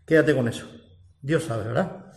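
A man preaching a sermon, asking rhetorical questions and swinging between loud and soft. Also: mid-range voice, moderate pace, echoey room.

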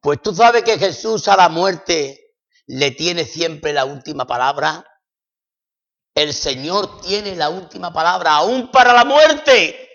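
Dramatic Spanish preacher in an echoey hall. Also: male voice, fairly high pitch, expressive, takes it slowly. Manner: dramatic, swings between loud and hushed. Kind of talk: sermon. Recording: echoey hall, dull lo-fi sound.

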